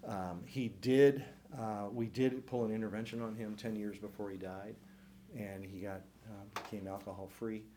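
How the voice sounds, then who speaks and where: A man's voice: fairly low pitch, fairly even intonation, normal speed, mellow, slight background noise. A man in his sixties from the St. Louis area, telling his personal faith testimony to a church class in an earnest, reflective way. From St. Louis area, United States. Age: 60s.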